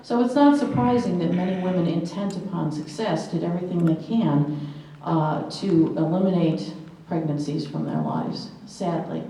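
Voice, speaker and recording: A woman's voice: fairly low pitch, normal speed, dark tone, recorded from a distance. A woman in her sixties giving an earnest conference talk full of personal anecdotes. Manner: earnest, anecdotal, with acted quotations. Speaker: conference speaker. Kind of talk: lecture to a live audience. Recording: echoey hall, mic from afar.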